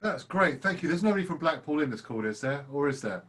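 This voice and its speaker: A man's voice: fairly high pitch, animated, quick pace, a bit bright, husky. A man hosting an online student session from home, enthusiastic and effusive in his praise. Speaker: host, course leader. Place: home, on a video call.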